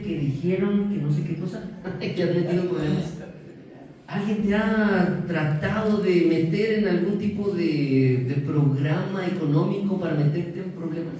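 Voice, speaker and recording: Mexican male pastor, high voice, lively sermon, distant mic, faint hiss. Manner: lively, asks the congregation questions and jokes. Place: church sanctuary. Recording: very echoey church hall, from far off.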